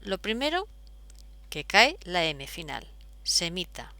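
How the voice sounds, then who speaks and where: A woman's voice: fairly low pitch, very animated, slow pace, bright, forceful tone, dry recording. A woman, explaining step by step as a teacher, patient, with frequent fillers. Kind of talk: explaining at a whiteboard.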